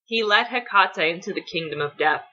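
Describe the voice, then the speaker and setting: A woman storyteller narrating a dramatic story reading in an expressive, lilting way. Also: mid-range voice, moderate pace, dull audio.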